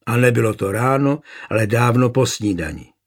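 A man voicing a calm, weary camp officer who teases his comrades, in a gravelly voice. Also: medium pitch, close to an everyday voice. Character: worried, jocular older comrade and officer.

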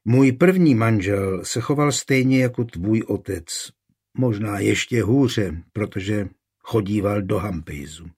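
A stern older mother, read by a man, firm and scolding, steady rather than shrill. The husky reader's voice gives her an edge of weariness in a storybook telling.

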